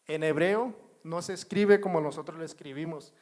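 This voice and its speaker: A man's voice: on the high side, moderate pace, darkish tone. A man with a Mexican Spanish accent teaching a Bible study in a church. He writes on a board as he explains, repeats himself, and keeps asking the congregation whether they follow. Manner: addresses the congregation as brothers, asks if they follow. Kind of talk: slow, repetitive Bible teaching.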